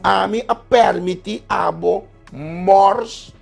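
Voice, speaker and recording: On a studio talk show, a male writer appearing as a guest argues his points emphatically. His voice sits high and is creaky, and he speaks very slowly over soft background music.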